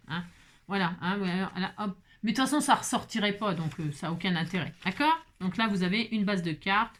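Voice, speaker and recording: A woman hosting a papercraft tutorial in a casual, chatty way, joking and speaking straight to her viewers with constant little filler tags. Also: mid-range voice.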